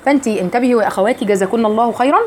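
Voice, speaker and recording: A woman with an Egyptian Arabic accent teaching Quran recitation rules to women, explaining each rule, reciting verses slowly and drawn out, and putting questions to her listeners. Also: fairly high pitch, a little hiss or hum. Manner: asks the listeners questions directly. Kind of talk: tajweed lesson for women.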